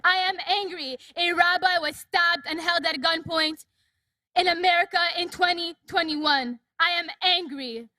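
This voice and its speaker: A woman's voice: very high-pitched, a little slow, pushed and bright, no echo. A young woman giving an impassioned, declarative speech at a rally. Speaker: rally speaker. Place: outdoor rally.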